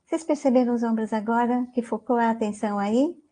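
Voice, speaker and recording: A woman's voice: fairly high pitch, a little fast, warm tone. A woman with a Brazilian Portuguese accent giving an online mindfulness talk, conversational, often tagging sentences with "né?" and asking her listeners questions. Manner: conversational, many "né?" tags, asks the audience questions. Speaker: guest lecturer on mindfulness.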